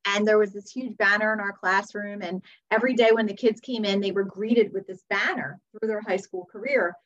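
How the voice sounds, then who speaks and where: Speaking briskly in a mid-range, fairly bright voice with fairly even intonation, an American woman in her forties shares her story as a podcast guest. She's a teacher and author, and the audio is slightly dull.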